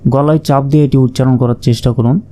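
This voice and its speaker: A man with a mellow, mid-range voice talks fast in a steady tone. A Quran reading teacher, he gives a slow, patient, step-by-step recitation lesson on Arabic letters, repeating each sound and stretching some out.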